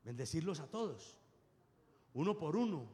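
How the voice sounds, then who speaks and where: Animated preacher with a high, swooping voice. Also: male voice, moderate pace. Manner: animated, keeps asking the congregation "yes or no?". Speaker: pastor. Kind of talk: sermon. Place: church. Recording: long church reverb.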